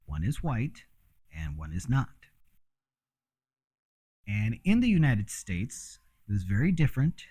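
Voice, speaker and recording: A man's voice: on the low side, wildly swooping pitch, unhurried, long pauses, warm tone. A man who grew up in Mexico, talking in a rambling, frank casual monologue with frequent fillers and the odd curse. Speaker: host.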